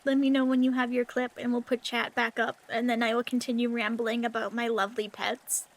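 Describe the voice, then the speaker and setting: Cute, high-voiced woman streamer. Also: level tone, a little fast. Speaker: livestreamer. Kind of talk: casual rambling chat with viewers.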